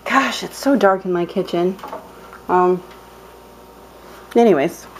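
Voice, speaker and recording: A young woman vlogs a casual cooking demonstration from her dim home kitchen, holding the camera close to film her hands. Playful and chatty, she says um a lot and exclaims cheerfully, speaking slowly at a fairly low pitch amid background noise.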